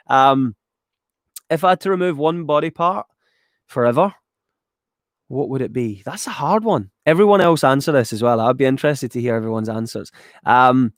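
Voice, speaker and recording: A man's voice: medium pitch, no room sound, clean studio sound. A Scottish man from near Glasgow reading viewer questions aloud and answering them in a loose, rambling way, with lots of ums and casual swearing. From Scotland, west of Glasgow. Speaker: YouTuber answering viewer chat.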